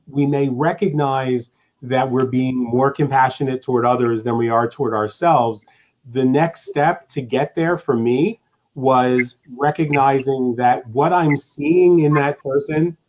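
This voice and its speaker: A man's voice: medium pitch, darkish tone. A man speaking earnestly and reflectively in a casual panel chat, with hesitant restarts. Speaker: guest. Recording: dull lo-fi sound.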